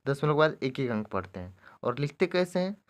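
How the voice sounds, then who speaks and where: A man's voice: mid-range voice, big pitch swings, a little fast. Hindi-speaking male maths tutor, patient. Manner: step-by-step, checks in with frequent "ok?". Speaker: math teacher. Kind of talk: explaining a math lesson.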